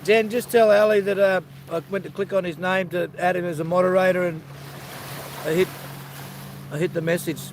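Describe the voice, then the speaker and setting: A man's voice: sits high, fairly even intonation, a little fast, a little hiss or hum, rough recording. An Australian man chatting easygoing to viewers on a live stream, greeting them by name. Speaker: livestream host. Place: outdoors by the sea.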